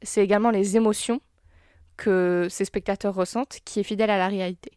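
A woman's voice: mid-range voice, fairly even intonation, a little fast, a little mellow, clear, resonant tone, no echo, clean studio sound. A woman hosting a casual film review podcast, chatty, mixing English phrases into her talk. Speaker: podcast host.

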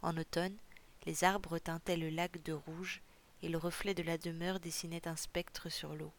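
Audiobook narrator, gravelly, steady and even, reads fiction aloud. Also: medium pitch, slight background noise. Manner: measured, even storytelling. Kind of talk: audiobook reading.

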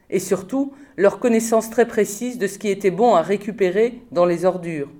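A woman's voice: mid-range voice, a little mellow. Woman reading a novel aloud. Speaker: audiobook reader.

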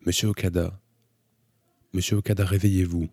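A man voicing a polite young woman who calls out loudly from far above, asking questions. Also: low-pitched, little pitch movement, moderate pace, no echo, clean studio sound. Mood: calling out. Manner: raised, calling out from far above.

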